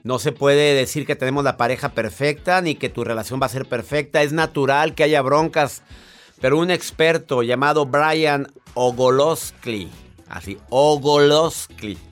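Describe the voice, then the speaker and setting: A man's voice: mid-range voice, moderate pace, a bit bright, soft background music. A man hosting a radio show in a chatty, joking way. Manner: chatty and joking, playfully acting out couples. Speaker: radio host. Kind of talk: casual radio chat.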